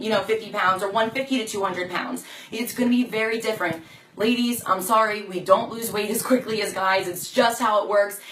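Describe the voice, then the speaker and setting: A woman fitness coach talks casually to her live viewers in a hoarse, worn voice. She is chatty and encouraging, at an average pitch for a woman. The sound is echoey and a little distant from the mic, with some background noise. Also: fairly bright tone.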